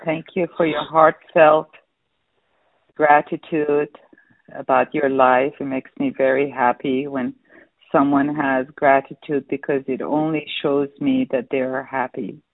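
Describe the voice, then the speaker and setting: A man hosting a casual online group chat, relaxed and laughing easily as he welcomes people. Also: mid-range voice, no room sound. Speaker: chat host. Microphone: online call. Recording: tinny phone-like line.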